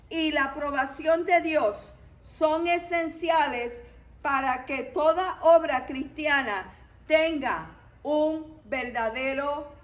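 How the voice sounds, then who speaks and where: A high-pitched Puerto Rican woman teaches a Bible study to a church group, speaking in a didactic manner and emphasizing key points.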